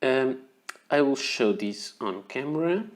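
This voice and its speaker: A man whose first language is Portuguese, speaking with a Portuguese accent, talks through an ink demonstration in a casual, unhurried way, often repeating words while he works. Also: medium pitch, lively intonation. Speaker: fountain pen ink reviewer.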